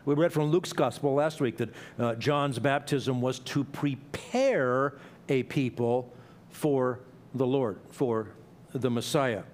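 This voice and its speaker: A middle-aged pastor preaches an expository sermon in a church sanctuary, explaining a passage conversationally with asides and small restarts. His voice is medium-pitched and darkish in tone, and he speaks slowly.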